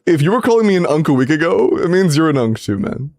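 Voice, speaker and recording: Quick-paced and fairly high-pitched, this twentysomething streamer's darkish voice swings widely in pitch. He's on a relaxed livestream going through game accounts, joking around with chat and often breaking into laughter.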